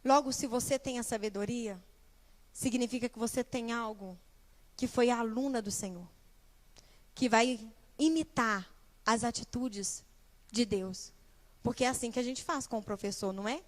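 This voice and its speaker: A young woman preaching a sermon in church, animated, putting rhetorical questions straight to the congregation. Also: on the high side, normal speed, pauses often. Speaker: guest preacher and small-group leader.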